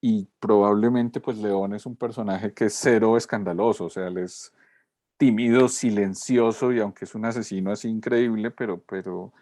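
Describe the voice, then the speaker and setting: A man's voice: fairly low pitch, fairly even intonation, moderate pace, warm tone, no room sound, clean studio sound. A man, a lettering teacher giving a student feedback over a video call, walking through corrections step by step. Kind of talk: class critique of student work.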